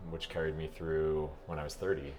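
A man in his thirties, an opera singer, telling his career story in a relaxed, rambling way with lots of "like" and easy laughs. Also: extremely low pitch, a little fast. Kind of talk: casual interview chat.

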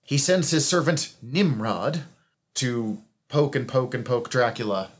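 A man's voice: mid-range voice, a little slow. A man co-hosting a casual podcast, walking through comic book backstory. He talks in a rambling way, stopping to correct himself mid-sentence and chuckling at his own asides. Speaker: podcast co-host recapping comics.

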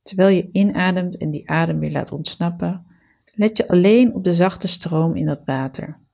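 Low, slightly creaky woman guiding meditation. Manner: calm, soothing, measured instruction. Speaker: guided meditation leader. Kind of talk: guided relaxation meditation.

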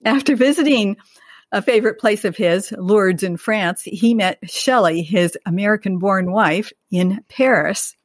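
A woman's voice: medium pitch, unhurried, dry recording. Woman podcast interviewer, dry close sound. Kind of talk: prepared guest introduction and interview.

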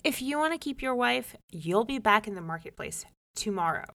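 A woman voicing a sharp-tongued, ambitious young wife in a folk tale. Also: on the high side, lively intonation, normal speed, gravelly, pitched above the performer's own voice. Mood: bossy. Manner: indignant, scolding.

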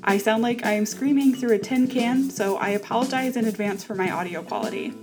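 Female podcast host for scripted intros and notes, lightly high pitch, clear music bed. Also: brisk.

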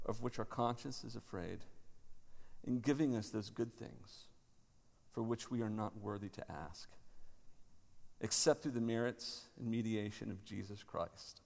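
Man, 30s, pastor, rough gravelly tone, hesitant talker, cathedral echo. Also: medium pitch, darkish tone. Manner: halting, with many fillers and restarts. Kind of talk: conference talk and prayer. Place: large parish church. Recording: cathedral echo, long church reverb.

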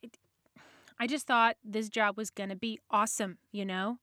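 A woman's voice: medium pitch, fairly even intonation, moderate pace, sharp tone, dry recording, studio quality, natural voice. A woman playing a bored, flippant emergency call responder in an audio drama, casual and sarcastic. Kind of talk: naturalistic audio drama dialogue.

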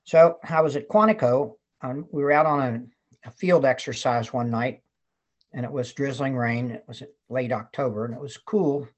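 A man over seventy from West Virginia, casually reminiscing as an interview guest in an unhurried storytelling way. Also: mid-range voice. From West Virginia, United States. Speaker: guest, retired Marine colonel.

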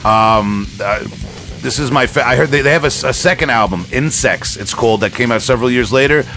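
A man hosts a casual music podcast, chatting in a rambling, enthusiastic fan's way over music playing in the background. His voice is medium in pitch and a little fast, with a bright, forceful tone.

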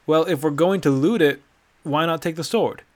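A man's voice: on the high side, moderate pace, darkish tone, voice pushed up, close to an everyday voice. A man voicing a curious, earnest young male hunter who keeps asking questions, in a read-aloud fantasy story. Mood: questioning. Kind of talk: audiobook character voice.

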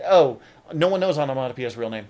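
A man's voice: mid-range voice, animated, fast talker, darkish tone. A man co-hosting a podcast, rambling through his thoughts, swearing often and laughing a lot. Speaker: podcast co-host. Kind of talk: casual chat.

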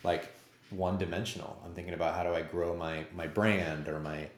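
A man in his forties with a very deep, low voice hosts a casual interview chat. He talks in a rambling, self-deprecating way, and the room sounds echoey around him. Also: fairly even intonation, a little fast, slight background noise. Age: 40s. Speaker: podcast host.

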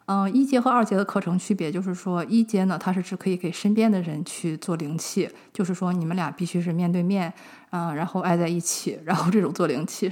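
A young adult woman from China, hosting a podcast and chatting through a personal story, acting out remembered conversations. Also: lowish voice. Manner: chatty, fillers and animated retold dialogue. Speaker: podcast host.

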